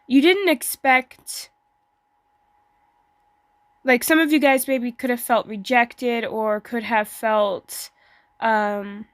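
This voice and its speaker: A woman who is sick, as with flu, giving a casual tarot reading to online viewers in a hesitant, pausing way. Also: fairly high pitch, steady tone, a bit bright, no echo. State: sick, as with flu, voice may give out. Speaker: tarot card reader.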